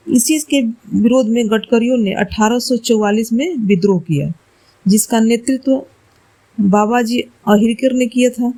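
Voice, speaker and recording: Woman, exam-prep teacher; unhurried, dark-toned delivery; works through questions, fixes slips aloud. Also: on the high side, rough recording. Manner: slow, deliberate explaining, corrects herself aloud. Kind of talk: reading quiz answers for exam study.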